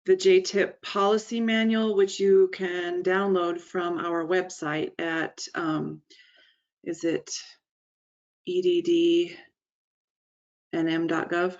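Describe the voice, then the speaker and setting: A woman with a fairly low voice explains program definitions during a webinar Q&A. She pauses on ums and corrects herself as she works through the details. Her voice comes through dull, lo-fi call audio. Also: flat delivery, darkish tone. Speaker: program staff answering questions. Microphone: video call.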